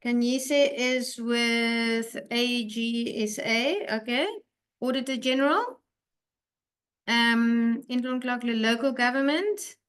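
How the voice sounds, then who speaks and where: A woman's voice: fairly high pitch, takes it slowly, fairly bright tone, clear, resonant tone. Friendly woman hosting a webinar. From South Africa. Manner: friendly, reads out chat messages. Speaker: webinar host, company CEO. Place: online webinar.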